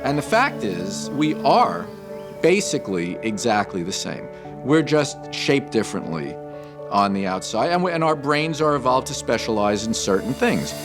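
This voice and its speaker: Guy being interviewed for a documentary, reflective, pitch moves a lot, music behind. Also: sing-song, moderate pace.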